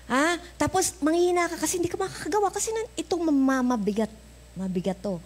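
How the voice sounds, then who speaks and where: High-voiced Filipino woman preaching. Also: brisk. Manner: animated storytelling, acting out dialogue, laughing often. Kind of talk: sermon. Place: church.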